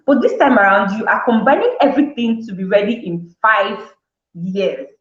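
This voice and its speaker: A woman's voice: medium pitch, animated, moderate pace, fairly bright tone. A woman talk-show host explains her topic in a casual, chatty way, breaking into the amazed reactions of imagined listeners and often restarting words. Her voice sits in a middle range. The recording is roomy and slightly dull, as if made on modest equipment in an echoing space.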